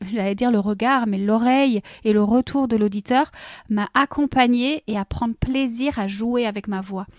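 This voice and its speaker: Expressive woman podcaster, dry close sound. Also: on the high side, no room sound. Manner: expressive, searching for words. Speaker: podcaster guest. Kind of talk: casual interview talk. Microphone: studio microphone.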